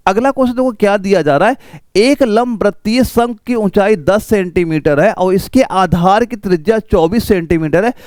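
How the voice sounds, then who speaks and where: Male math tutor for exam prep, high clear voice, dry close sound, talks each step through with rhetorical questions. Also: moderate pace, darkish tone, no echo.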